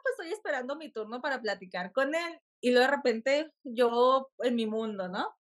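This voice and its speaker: Woman guest chatting on a podcast, kinda high voice, laughs a lot while telling her story. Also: expressive, moderate pace. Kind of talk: casual storytelling conversation.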